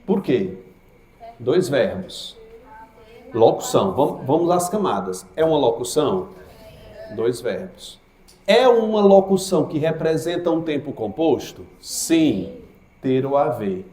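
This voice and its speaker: A man's voice: mid-range voice, big pitch swings, unhurried, warm tone. A man teaching a grammar class for exam prep in a classroom, asking his students questions and answering them himself. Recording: echoey classroom.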